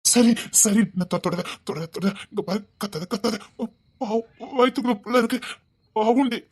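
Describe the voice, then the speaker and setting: A woman's voice: a little high, normal speed, darkish tone, slight background noise, close to an everyday voice. A woman voicing a proud, ambitious businessman who is also a husband and father, in an audio drama. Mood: soothing. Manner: boastful, later pleading and anxious.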